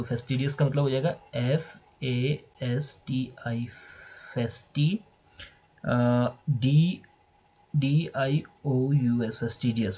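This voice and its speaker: A man's voice: medium pitch, darkish tone, slightly rough. A man teaching English vocabulary, explaining meanings and spelling words out letter by letter. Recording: dull lo-fi recording.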